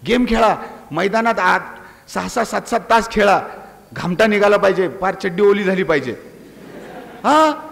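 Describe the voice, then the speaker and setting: A middle-aged police inspector giving an animated speech to college students, firing rhetorical questions, scolding and urging them. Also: male voice, high-pitched, moderate pace, vocal fry. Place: college auditorium. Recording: long hall reverb.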